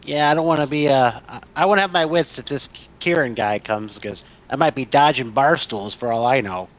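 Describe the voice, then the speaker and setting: A man's voice: medium pitch, brisk, low-quality recording. A man chatting casually as a player in a tabletop role-playing game.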